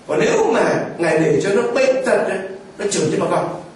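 A man's voice: sits high, lively intonation, fairly quick, a little hiss or hum. A man speaking as a sly devil goading God, in an echoey church. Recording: echoey church heard from far off.

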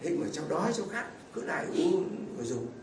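A man's voice: high voice, big pitch swings, quick pace, a little mellow, slight background noise. A man preaching a homily as a priest, telling stories in a folksy way and asking his listeners rhetorical questions. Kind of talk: sermon. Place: church. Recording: echoey church from far off.

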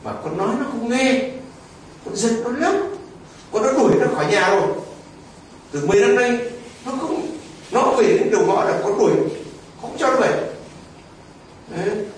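A man's voice: extremely high pitch, animated, normal speed, long pauses, heavy reverb, recorded from a distance, a little hiss or hum, voice pushed up, low-quality recording. A priest voicing a stubborn aging father in confession. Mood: heated.

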